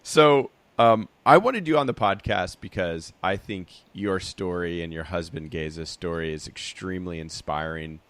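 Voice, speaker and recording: Deep-voiced man hosting a podcast. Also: normal speed, few pauses, a bit bright, no room sound. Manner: upbeat, laughs easily. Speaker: podcast host. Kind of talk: podcast interview.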